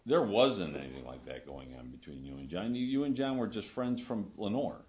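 A man questioning a witness in court as a lawyer, conversational, phrasing things haltingly and seeking confirmation. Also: fairly low pitch, sing-song, darkish tone.

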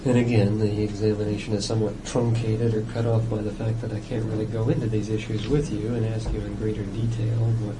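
A psychiatrist conducting a competency examination speaks in a fairly low, level voice during an evaluation interview. He explains deliberately and at length, pausing and hesitating, on a noisy old interrogation-style tape.

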